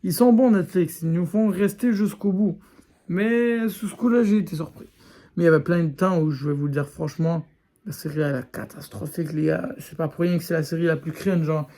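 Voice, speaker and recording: A YouTuber reviewing a series speaks frankly and casually, calling his viewers "les gars" directly and using lots of fillers. His voice is fairly high and warm, and he talks fairly quickly.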